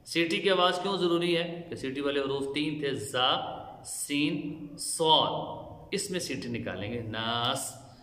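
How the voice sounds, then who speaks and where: A man teaching Quran recitation rules, explaining slowly and chanting the verses in long drawn-out tones. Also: a little high, bright, forceful tone. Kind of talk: tajweed lesson with chanted recitation. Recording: echoey room with long reverb.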